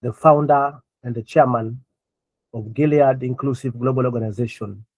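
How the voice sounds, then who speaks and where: A middle-aged man from Kenya, a guest on a remote interview, speaking earnestly and in measured phrases with frequent pauses. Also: medium pitch, steady tone, a little mellow, dry recording, rough recording. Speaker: guest, NGO founder.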